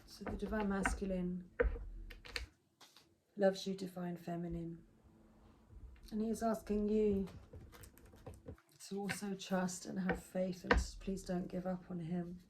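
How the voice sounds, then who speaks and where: Slow, soothing woman reading cards. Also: on the low side, flat delivery, noisy background. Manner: slow, soothing, drifting into soft asides. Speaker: tarot card reader. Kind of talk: spiritual card reading.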